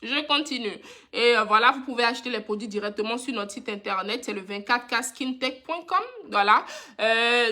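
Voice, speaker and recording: A woman talks to her viewers in a casual live stream, warm and chatty with everyone who writes in. Her voice sits a little high and rings bright and forceful. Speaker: live-stream host running a giveaway.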